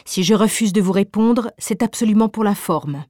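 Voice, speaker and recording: A woman reading the part of a proud young wife who answers coldly and calmly. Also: mid-range voice, dry recording, clean studio sound, natural voice. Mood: defiant. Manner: cold, measured, dignified. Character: proud defiant young wife, icily calm. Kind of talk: audiobook reading.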